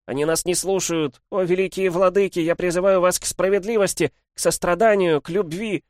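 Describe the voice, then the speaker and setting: A man voicing a demon who speaks as a small, lonely boy in a storybook reading, high and pleading. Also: fairly even intonation, fairly quick, darkish tone, dry recording, clean studio sound, lightly acted.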